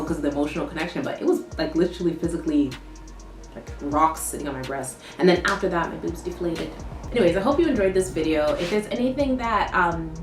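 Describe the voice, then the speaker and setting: Woman, young, low-pitched, chatty, filler-heavy, echoey room. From born in the US, raised in London. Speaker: vlogger, new mother. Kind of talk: casual chat to camera. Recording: roomy echo, heard from a distance, faint music behind.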